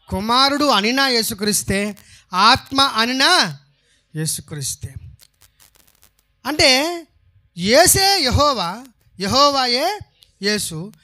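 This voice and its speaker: A man preaching a sermon as pastor, putting questions to his listeners and answering them himself. He slips English phrases into his talk and loudly calls out praise to God. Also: very high-pitched.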